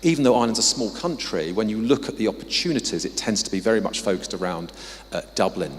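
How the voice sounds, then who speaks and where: This English guest researcher, who studies social mobility, talks fast in a low-leaning voice while presenting slides at a conference. His tone is conversational, sprinkled with little apologies. A hall's long reverb hangs over the sound.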